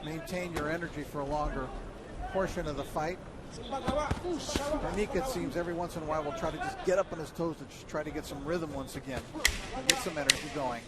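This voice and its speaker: A man's voice: a little high, expressive, brisk. A man calling a boxing match as a live play-by-play commentator at ringside. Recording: noisy arena, loud crowd behind.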